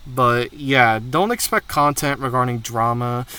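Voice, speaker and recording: A man talks through his channel's plans in a loose, unscripted way, full of asides and casual swearing. His voice has a bright, forward edge and sits at an ordinary pitch for a man. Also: a little slow, clean tone. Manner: candid, frequently profane, rambling asides. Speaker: channel host. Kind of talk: casual channel update monologue.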